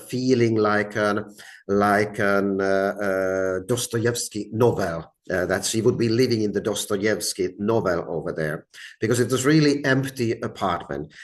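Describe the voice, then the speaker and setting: A middle-aged man with a non-native English accent tells his story in an informal lecture, very hesitantly, with many filled pauses and repeated words. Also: lowish voice. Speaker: speaker giving a talk, art collector.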